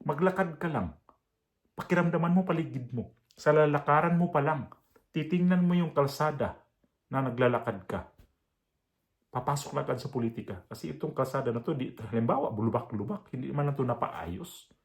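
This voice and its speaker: A man from the Visayas talks through a reaction video in his heavy Visayan accent. He is blunt and proud, circling back with fillers and restarts, at an everyday middle pitch. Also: animated, brisk. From Visayas, Philippines. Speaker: reaction vlogger. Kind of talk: casual commentary.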